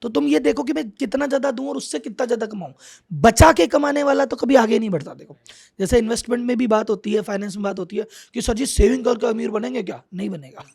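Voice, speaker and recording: A middle-aged man, a business coach, explaining business lessons with animated examples and acted-out quotes. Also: very high voice, fast, gravelly. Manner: animated, acts out quoted thoughts. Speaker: business coach, podcast guest.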